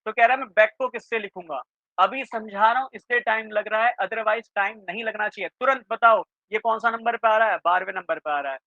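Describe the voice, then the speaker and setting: A man teaching a reasoning class for exam prep, quizzing students with quick questions and checking often that they follow. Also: high voice, pushed and bright, no echo. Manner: keeps checking in with students, asking "clear?". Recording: dry, slightly dull lo-fi sound.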